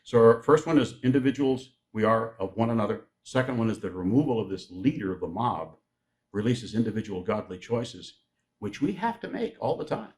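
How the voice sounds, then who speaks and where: A man preaching a sermon in a conversational teaching style, joking with the congregation and slowing down to stress key words. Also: lowish voice, lively intonation, a little mellow.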